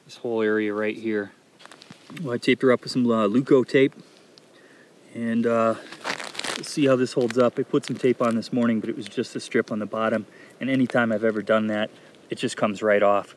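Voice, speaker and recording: A man's voice: fairly low pitch, level tone, fairly quick, slight background noise. A man walking a long desert trail and talking to his camera in an easygoing, rambling, reflective way, with plenty of "uh" and "like". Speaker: solo thru-hiker filming his trip. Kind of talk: casual vlog narration. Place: outdoors in open desert.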